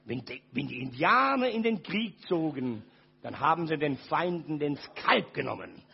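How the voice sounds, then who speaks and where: An older man tells his life story to an audience in a gravelly, husky voice that sits high. He is dramatic, swinging from loud to almost silent. The recording sounds dull and lo-fi. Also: sing-song, moderate pace. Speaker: speaker giving a testimony. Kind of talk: personal testimony talk to an audience.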